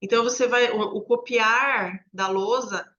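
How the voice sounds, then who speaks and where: A Brazilian woman training teachers, explaining classroom methods step by step in a conversational way, often checking in with a quick "né?". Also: a little high, steady tone, a bit bright. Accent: Brazilian Portuguese. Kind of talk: instructional talk to teachers. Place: home room near a street. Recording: slightly dull lo-fi audio.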